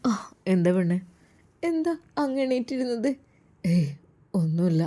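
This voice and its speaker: A woman voicing a gentle, sorrowful male religious teacher in a lowered, soft voice. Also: sing-song, a little slow.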